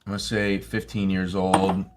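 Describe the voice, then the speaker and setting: A man's voice: low voice, completely flat delivery, moderate pace, music in the background. A man hosting a live whiskey tasting stream, exclaiming, swearing freely and thinking aloud as he tastes.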